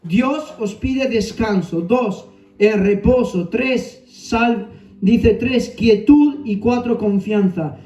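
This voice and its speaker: A man in his thirties preaching a sermon with personal testimony, earnest, moving between soft asides and emphatic phrases. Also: high voice, takes it slowly. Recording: echoey room, distant mic, dull sound, faint music.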